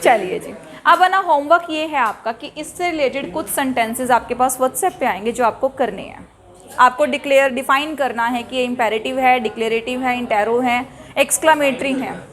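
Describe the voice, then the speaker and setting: High-voiced woman teacher lecturing a class. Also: moderate pace. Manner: quizzes students and calls for quiet; mixes Hindi explanation with English example sentences.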